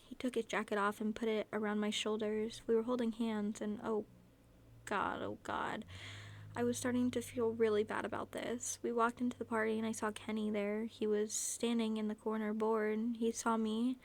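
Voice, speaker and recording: A woman's voice: fairly high pitch, little pitch movement, moderate pace, gravelly, a little mellow. A woman reading first-person fan fiction aloud and chatting casually at the end, rambling with fillers. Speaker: voice actor narrator.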